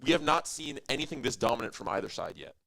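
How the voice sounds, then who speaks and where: Gravelly young man calling esports. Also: medium pitch, lively intonation. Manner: fast analytical play-by-play, rising to shouts on big plays. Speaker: esports commentator. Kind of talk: play-by-play commentary.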